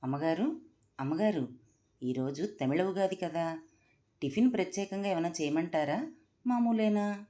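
A woman's voice: on the low side, moderate pace, pauses often, warm tone, lightly acted. A woman voicing a timid, deferential male household cook who keeps addressing his mistress politely. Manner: deferential, pleading.

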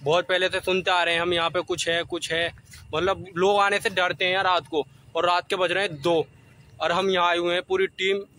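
High bright young man in night woods. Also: flat delivery, normal speed, a little hiss or hum. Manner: nervous, hushed, addressing viewers. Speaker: vlogger. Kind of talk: night-time ghost challenge vlog. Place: dark woods outdoors at night. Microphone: handheld phone.

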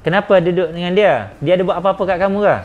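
A man's voice: high-pitched, fast talker, narrow, tinny audio. A man, a spiritual healer running a healing session with probing, firm questions.

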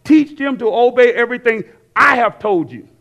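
High-voiced man preaching, loud swings. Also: expressive, normal speed. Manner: conversational preaching, rising to shouts, asks the crowd to fill in words. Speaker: pastor. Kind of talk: sermon. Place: church stage with screens and worship band behind.

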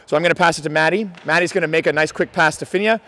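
Very fast and sharp-toned, a man's voice on the high side barks hockey drills across a noisy indoor rink. As coach, he calls out urgent, repeated instructions meant to encourage the players on the ice.

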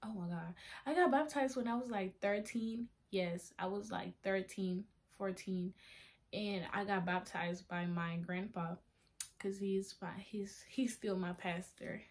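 In a small bedroom with a flag on the wall, a Honduran girl of seventeen vlogs casually to the webcam in front of her face, sharing testimony in a Honduran Spanish accent. Her mid-range voice is unhurried, and she's chatty, often restarting her sentences and laughing at herself.

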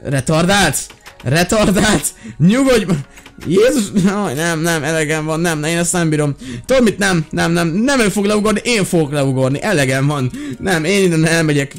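A young man role-playing a fed-up teacher in a game, yelling, pleading and exclaiming in exasperation. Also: fairly high pitch, expressive, faint music behind. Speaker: gaming YouTuber playing a teacher. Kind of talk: Minecraft role-play commentary.

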